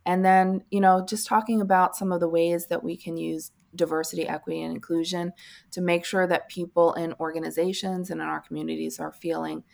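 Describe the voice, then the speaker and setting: A woman speaking as an interview guest in a measured, professional way. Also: fairly low pitch, level tone, gravelly, a little mellow. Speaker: podcast guest and diversity executive. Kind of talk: interview talk.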